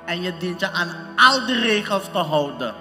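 An actor playing a strict, scornful older mother-in-law with a Surinamese Dutch accent, scolding slowly in a live stage comedy. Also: sits high, very animated. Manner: scolding, slow and emphatic. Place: large concert hall stage. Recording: long hall reverb, music behind.

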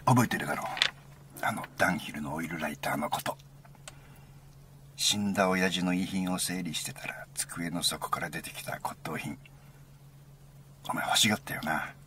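A man reading a first-person story aloud as an intimate, conversational monologue, sometimes dropping into a hushed near-whisper. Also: sits low, normal speed, pauses often, slight background noise. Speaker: narrator.

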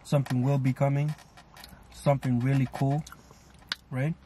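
This man's mid-range voice is dark in tone and flat in delivery, at a normal speed with slight background noise. He co-hosts a food vlog, musing at length in a loose, thoughtful, filler-heavy way as he eats and chats casually.

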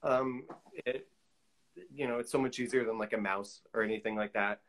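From a small indoor room with pinned pictures, a collage artist in his forties talks on a video call interview in a lowish, slightly bright voice with fairly even intonation and a moderate pace. His manner is casual, full of "you know" asides.

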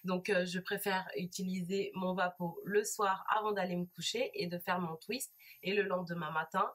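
A woman vlogger talking casually about hair products she bought, pausing often with fillers and restarts. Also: fairly low pitch, steady tone, a bit bright. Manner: hesitant, many fillers and restarts. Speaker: beauty vlogger. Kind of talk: casual product haul review.

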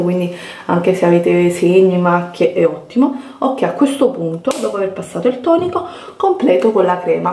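A woman's voice: fairly low pitch, mellow, slight background noise. A young woman chatting casually as a beauty vlogger in her bedroom, with many fillers and restarts. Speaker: beauty influencer. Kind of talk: casual vlog chat. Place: bedroom at home. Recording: echoey room.

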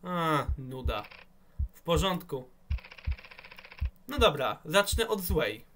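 A man's voice: a little high, sing-song, takes it slowly, fairly bright tone, slight background noise, exaggerated voice. A man voicing a taunting, menacing male phone caller in a game, reading the lines aloud with a mocking, sneering manner. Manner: mocking, sneering, playing with his victim.

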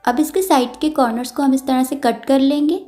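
High-voiced woman explaining a recipe. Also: a little fast, faint music behind. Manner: calm, instructive, repeats and clarifies steps. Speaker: cooking channel host. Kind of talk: step-by-step recipe voice-over.

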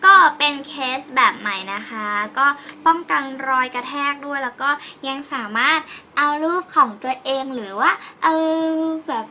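A young woman chats fast and playfully as she shows off phone cases for sale, giggling now and then. Her voice sits high and sounds very bright. It was recorded on a phone camera, with a faint hiss behind it. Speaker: online seller vlogger. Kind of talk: casual phone-case selling vlog.

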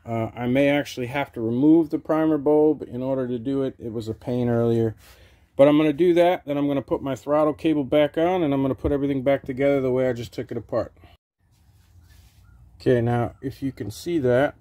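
A middle-aged man with a mellow, relaxed voice talks through a repair at his workshop bench. He explains each step plainly and practically, with a casual "okay" now and then. He sounds like he is recorded up close by the camera over the bench. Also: mid-range voice, a little fast. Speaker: small-engine repair host. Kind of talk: casual how-to narration while working. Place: home workshop bench, open to the outdoors.

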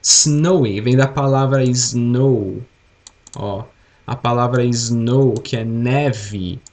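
A man's voice: medium pitch, extremely slow, a little mellow. Brazilian man teaching English vocabulary. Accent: Brazilian Portuguese. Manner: explains patiently, drills words and asks the class to repeat. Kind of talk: live-streamed English lesson.

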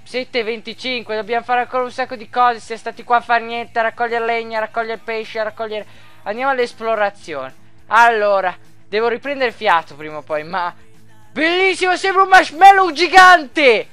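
A man giving casual gameplay commentary, rambling and joking, making rhymes and breaking into sudden excited yells. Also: very high-pitched, fairly quick, smooth, faint music behind. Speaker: gaming video host.

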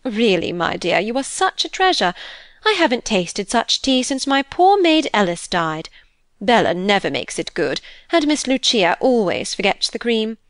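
An elderly mistress of a house gushes in a raised, fluttering voice, as a woman reads her out, full of fond praise. The voice is smooth and clear. It is recorded close and dry. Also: sing-song, moderate pace, no echo. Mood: gushing. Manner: high, gushing and emphatic. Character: fussy elderly lady of the house, gushing.

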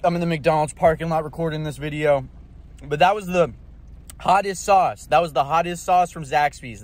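A man in his twenties chatting casually for an eating-challenge vlog, exclaiming between bites with his mouth burning from spicy food. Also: a little high. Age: 20s. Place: inside a parked car. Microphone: phone at arm's length. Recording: car cabin noise, handheld phone.

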